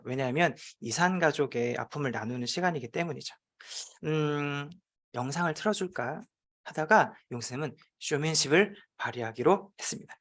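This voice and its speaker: A man's voice: fairly high pitch, a bit bright. A man, a teacher presenting at a forum, telling a playful classroom story with frequent hesitation fillers.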